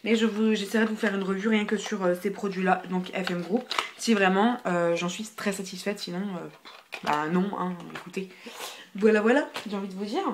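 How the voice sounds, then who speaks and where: A woman's voice: medium pitch, brisk, background noise. A young woman chatting casually through a makeup haul, full of fillers and repeated words, sometimes dropping almost to a whisper, filmed on a phone. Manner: chatty, filler-heavy, repeats hyper, drops to near whispers. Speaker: beauty vlogger. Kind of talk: casual product haul review. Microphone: phone camera.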